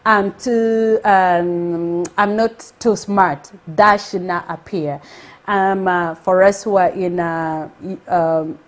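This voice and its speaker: A Ugandan woman with a Ugandan accent hosts a motivational live stream in a lowish, steady voice, taking her time. She speaks energetically, exclaiming and repeating her points for emphasis.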